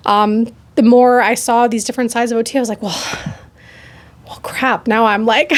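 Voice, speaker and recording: A young woman in her twenties, newly graduated in occupational therapy, speaks with medium pitch in a casual interview. She talks quickly and chattily, with lots of "like" and restarts.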